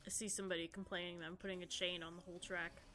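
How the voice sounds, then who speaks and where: A woman's voice: lowish voice, little pitch movement, very fast, sharp tone, slight background noise. A woman in her thirties chatting casually on a live stream, answering viewers in a rambling, chatty way. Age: 30s. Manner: chatty, rambling, reading chat aloud.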